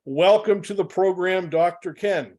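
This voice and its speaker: A man's voice: sits high, a little slow, warm tone. A man hosting an online webinar, giving friendly, upbeat introductions of the speakers with a few fillers. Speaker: webinar host.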